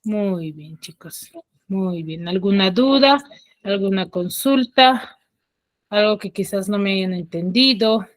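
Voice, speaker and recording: A woman's voice: medium pitch, animated, slow pace, no room sound. A woman teacher on a video call, patiently quizzing her students and confirming their answers. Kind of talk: online class quizzing students.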